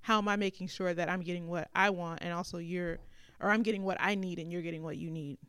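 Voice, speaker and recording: A woman's voice: fairly low pitch, steady tone, fast talker, fairly bright tone, clear, resonant tone, no room sound. Earnest woman, dry close sound. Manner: thoughtful, earnest, reflective. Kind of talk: casual chat.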